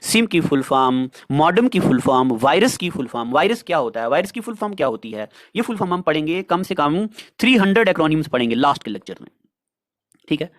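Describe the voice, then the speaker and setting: Chatty male teacher with a high voice. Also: very animated, brisk, no echo, clean studio sound. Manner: chatty, addresses students as dear children, asks and answers own questions. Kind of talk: exam prep lecture.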